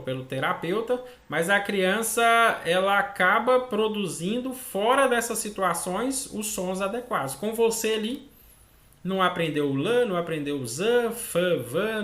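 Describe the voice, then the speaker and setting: Man, Brazilian Portuguese accent, speech therapy teacher, online lecture, bright tone, echoey room. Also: high voice, moderate pace. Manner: explanatory, acts out child and mother dialogue, frequent "né?".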